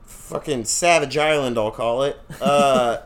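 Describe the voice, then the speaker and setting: A man's voice: mid-range voice, a little slow. A man co-hosting a podcast in casual chat, talking loosely and swearing offhandedly. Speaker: podcast co-host.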